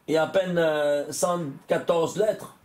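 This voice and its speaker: Male rabbi, high voice, teaching a class, quizzes listeners and works through sums aloud. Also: fairly even intonation, measured pace, darkish tone. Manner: quizzing listeners with rhetorical questions. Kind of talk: Torah lesson to a class.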